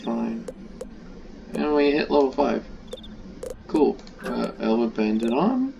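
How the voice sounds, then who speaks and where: A man's voice: mid-range voice, lively intonation, slow pace, creaky, noisy background. A man giving casual, offhand let's play commentary as he plays a video game. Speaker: gaming video host. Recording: game music behind the voice.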